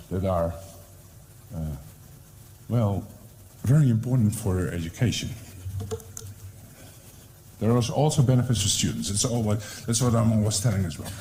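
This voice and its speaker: The audio is poor, with some hiss or hum, as a Dutch-accented, middle-aged library department head gives a conference talk in a conference room. His warm, fairly low voice is animated but unhurried, with frequent pauses, many fillers and restarts.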